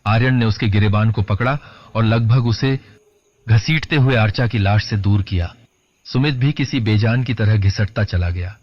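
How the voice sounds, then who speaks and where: A man giving a dramatic, measured scripted horror narration in a lo-fi recording. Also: lowish voice. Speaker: horror storyteller. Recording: lo-fi dull recording.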